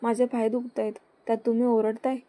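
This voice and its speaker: A woman's voice: on the high side, level tone, a little fast, dark tone, no room sound, lightly acted. Woman voicing young wife, shy, pleading, coaxing, level delivery.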